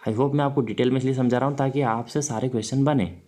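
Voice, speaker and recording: A man's voice: medium pitch, fairly even intonation, fast, warm tone. A man teaching an online grammar lesson, explaining step by step and often checking whether the viewer has understood. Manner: repeats rhetorical checks to the viewer.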